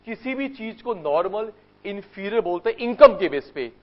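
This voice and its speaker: A man with an Indian accent teaching economics in a classroom, drilling terms by repetition and pushing students to answer quickly. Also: sits high, lively intonation, highs cut off. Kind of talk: classroom lecture with call-and-response drills.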